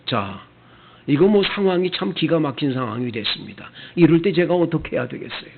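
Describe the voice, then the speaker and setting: A middle-aged male pastor preaching a Sunday sermon in a church, telling stories and acting out what people said, swinging between loud outbursts and hushed asides. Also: fairly high pitch, brisk, gravelly, narrow, tinny audio, slight background noise. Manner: animated, acts out quoted voices, swings from loud to hushed. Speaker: senior pastor. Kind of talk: sermon with storytelling. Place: church sanctuary.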